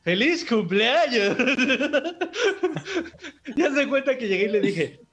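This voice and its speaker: A man's voice: extremely high pitch, very animated, extremely slow, a bit bright. A young man with a Mexican accent, co-hosting a casual podcast, joking and laughing often as he tells stories. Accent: Mexican Spanish. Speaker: podcast co-host. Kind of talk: casual chat.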